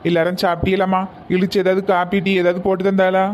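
A woman voicing a neighbour man, calm and kindly in his questions. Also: lowish voice, fast talker, lo-fi sound, slight background noise, voice pushed down, natural voice. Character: plain-spoken man, a neighbour older brother.

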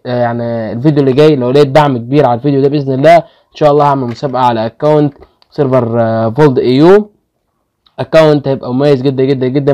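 Hosting a laid-back gaming video, this man speaks with an Egyptian Arabic accent, pleading with fortune and complaining whenever results disappoint. He has a mellow, mid-pitched voice.

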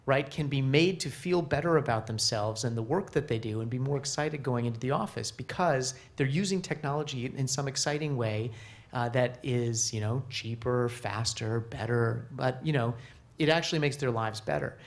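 A man's voice: mid-range voice, moderate pace, creaky. Casual man on a conference panel. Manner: casual, animated, many fillers and restarts. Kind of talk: panel discussion. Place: conference stage. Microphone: handheld mic.

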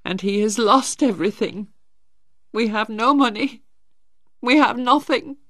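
A woman's voice: on the high side, measured pace, fairly bright tone, no room sound, studio quality, voice pushed up. A woman reading a despairing middle-aged mother. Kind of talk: storybook reading.

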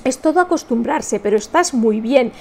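A woman's voice: a little high, lively intonation, normal speed, dark tone, slight background noise. A middle-aged woman from Spain, a crochet channel host with a Spanish accent, rambling cheerfully in a casual live chat and reading viewers' comments aloud. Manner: chatty, rambling, self-mocking, reads viewer comments aloud.

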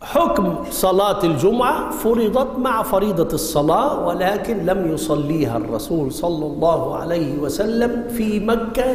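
Egyptian man teaching in an echoey hall. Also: high voice. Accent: Egyptian Arabic. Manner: quizzes students with frequent call-and-response questions. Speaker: Islamic jurisprudence teacher. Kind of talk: religious classroom lesson.

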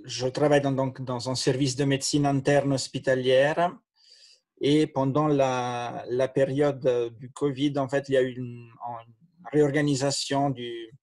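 A man, a doctor giving his testimony from an attic room over a video call, halting with many fillers. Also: mid-range voice, little pitch movement, a little mellow, no room sound. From Italian-speaking Switzerland. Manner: hesitant, many fillers and restarts. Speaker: internal medicine doctor. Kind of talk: panel testimony. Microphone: laptop webcam on a video call.

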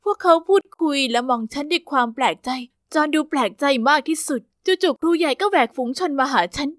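A woman narrating a first-person story with a steady, even storytelling delivery. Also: high-pitched, a little fast, no echo, studio quality.

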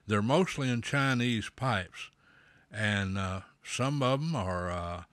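A man hosting a pipe smoking show, giving slow, folksy advice with a pipe in his mouth. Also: fairly low pitch, a bit bright, dry recording. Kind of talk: casual talk to camera.

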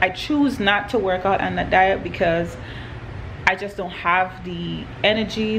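A woman's voice: fairly low pitch, creaky. A woman in her thirties chatting casually to a camera held at arm's length while she goes about her day at home and in the car. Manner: chatty, talks straight to a handheld camera. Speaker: vlogger. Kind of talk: casual day-in-the-life vlog. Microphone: phone or camera held at arm's length. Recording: noisy background, car air conditioning.

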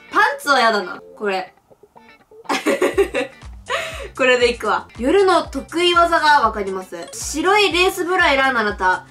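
A woman's voice: high voice, bright, forceful tone. A young woman from Japan playing a mobile quiz game, reading the questions aloud and reacting with chatty, giggly, blunt comments. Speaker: game streamer. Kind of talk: casual playthrough commentary.

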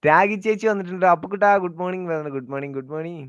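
A man's voice: sits high, racing, smooth. A chatty man with a slightly raised voice hosts a casual live stream and greets viewers by name as he reads their comments. His voice sounds dry and a little dull, with no room echo.

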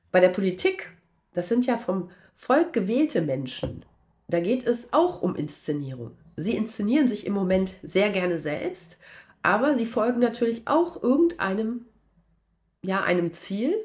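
A woman coach giving a frank, opinionated solo monologue with lively emphasis. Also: mid-range voice. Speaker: awareness coach.

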